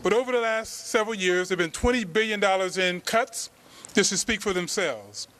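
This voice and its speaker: A man's voice: high-pitched, animated, a little fast, a bit bright. A man giving a public speech as a campaign speaker.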